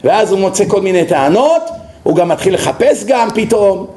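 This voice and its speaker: Speaking in an echoey room, this man's voice sits high as he delivers a religious lecture in the role of a rabbi. He tells lively stories and poses rhetorical questions to the audience.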